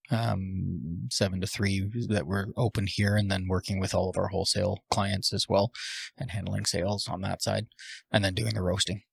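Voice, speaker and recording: A Canadian man who owns a cafe and roasts coffee, talking casually in a podcast interview and pausing often with fillers. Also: low voice, gravelly, slightly rough, no room sound, clean studio sound. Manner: hesitant, frequent "um" fillers.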